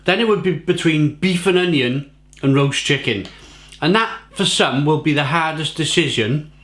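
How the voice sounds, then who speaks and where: A man giving a casual, rambling snack review, munching crisps between phrases and repeating himself for mock-dramatic emphasis. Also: medium pitch, a bit bright. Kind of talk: casual food tasting review to camera. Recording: echoey room, faint noise, packet crinkling. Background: crisp packet crinkling and crunching.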